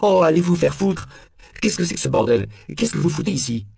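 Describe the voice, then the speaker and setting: A man voicing a nervous, defensive suspect who stammers and bursts out in shrill panic in an audiobook. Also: expressive, fairly quick, creaky, warm tone. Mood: panicked. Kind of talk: audiobook character voice.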